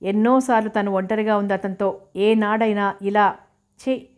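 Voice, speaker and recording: Woman narrating a novel, flat and even. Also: mid-range voice, moderate pace. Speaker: audiobook narrator.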